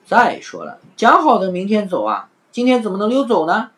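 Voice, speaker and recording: A woman voicing a clever, witty trickster man who teases and calls out loudly. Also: huge pitch swings, normal speed, full character voice. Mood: playful. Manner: playful, loud and high.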